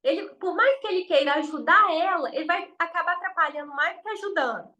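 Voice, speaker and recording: Through poor audio comes a very high, sharp female voice speaking fairly quickly, with a mineiro accent from Minas Gerais. This exam prep teacher chats to camera, reassuring students about exams and acting out quoted remarks.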